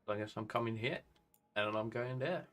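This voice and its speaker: A man's voice: lowish voice, brisk, a bit bright. Rambling man streaming a game. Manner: rambling, thinking aloud, chatty with chat. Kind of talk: casual gameplay commentary.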